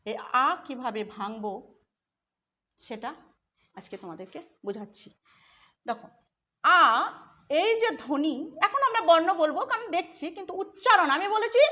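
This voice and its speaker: A woman's voice: high-pitched, bright, forceful tone. A woman teaching a grammar lesson for an exam, explaining step by step and asking and answering her own questions.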